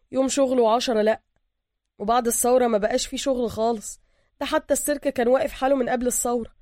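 A frightened young Egyptian man pleads through tears in a high, strained voice, as a woman reading a story puts him on. He talks quickly, with an Egyptian accent, on a dry, close recording. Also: darkish tone, dry recording, lightly acted. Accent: Egyptian Arabic. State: crying.

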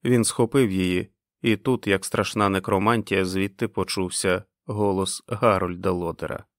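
A man reading a novel aloud as audiobook narration, with expressive storytelling. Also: deep voice, normal speed, dry recording, studio quality.

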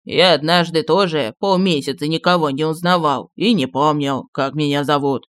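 Чтец изображает старого отставного маршала, медленно, глухо, с ностальгией, звук сухой. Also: male voice, fairly bright tone, no echo, close to an everyday voice. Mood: reminiscing. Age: older. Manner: slow, low, grumbling reminiscence. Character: old retired marshal, gruff, nostalgic, secretive.

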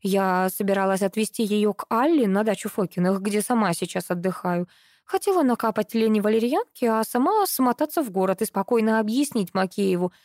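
An excitable amateur sleuth in an audiobook, voiced by a woman reader. She speaks in a lively way and is quick to exclaim, with a mellow, darkish tone. The recording is dry and close. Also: medium pitch, no echo, natural voice. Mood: animated. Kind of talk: audiobook dialogue reading.

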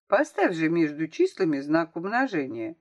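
A patient woman schoolteacher who corrects her pupils gently and kindly, as read by a woman narrating a storybook. Her lively voice moves up and down a lot. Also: low voice, normal speed, lo-fi sound. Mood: approving.

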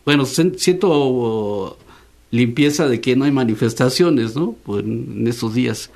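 A Mexican man hosts a relaxed university radio chat in a middle-pitched voice. He talks in a loose, easygoing way and keeps checking in with tag questions. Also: unhurried, vocal fry. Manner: chatty, frequent tag questions. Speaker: radio host. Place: radio studio.

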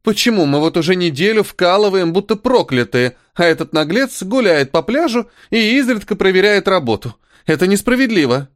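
A male narrator doing a young blonde woman, pitched up high, whiny and teasing. Her lines jump about with lively intonation in a dry, close audiobook sound. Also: moderate pace, dry recording. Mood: indignant. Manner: complaining, teasing, raised girlish pitch.

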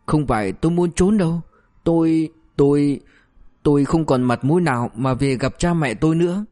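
A broken fugitive begs in a high, strained and tearful voice, stumbling over his words, as a male narrator puts him on. It is pushed up well above the narrator's usual tone and pressed louder. It is an audiobook drama. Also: normal speed, lightly acted. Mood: begging. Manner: pleading, stammering and weeping. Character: broken middle-aged male fugitive begging.

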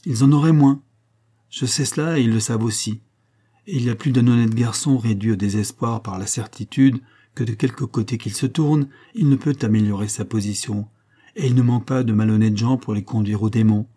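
A proud working man of about forty, read by a man. He speaks in a dark, mellow, slightly husky voice, earnest and plain-spoken. The storybook reading is steady and unhurried. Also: mid-range voice, close to an everyday voice. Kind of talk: audiobook character reading.

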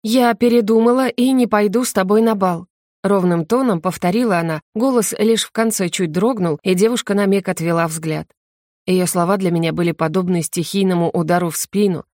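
A woman's voice: lowish voice, a little mellow, no room sound. Woman narrating an audiobook, dry close sound. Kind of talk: scripted first-person narration.

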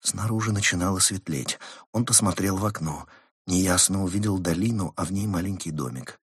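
A man narrates an audiobook in a measured, dramatic storytelling manner. His voice is low and a little husky. The recording is close and dry, with no room sound. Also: no echo. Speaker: audiobook reader. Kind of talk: scripted narration.

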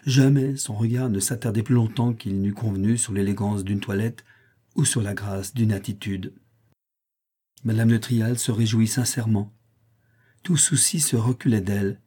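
Audiobook narrator, male, mellow and husky, measured literary reading. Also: medium pitch. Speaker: audiobook reader. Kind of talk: scripted narration.

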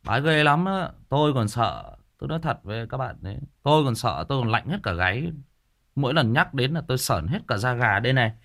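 A man's voice: mid-range voice, very animated, quick pace, a bit bright. A man from Vietnam, hosting a ghost story channel and chatting emphatically with his listeners. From Thai Nguyen, northern Vietnam. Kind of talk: casual chat to listeners.

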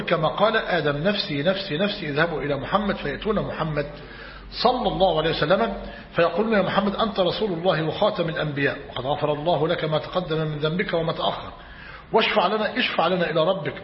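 A man's voice: fairly high pitch, very fast, a little hiss or hum. A man teaching a religious lesson. He reads a commentary aloud and explains it. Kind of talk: lecture on creed. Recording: echoey hall, muffled lo-fi.

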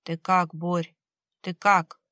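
A man, as a woman reader plays him, speaking bluntly and with concern. The lines come slowly, in a dry, close reading. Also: fairly low pitch, little pitch movement, sharp tone, dry recording. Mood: worried. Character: worried man, blunt friend.

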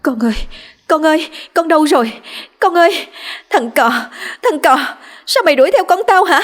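A grief-stricken young mother cries out in a high, strained, sobbing voice, as a woman narrator takes on the role. Her calls climb sharply in pitch and loudness, raw and desperate. It is a spoken ghost story for listeners. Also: animated, normal speed. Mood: frantic. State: crying.

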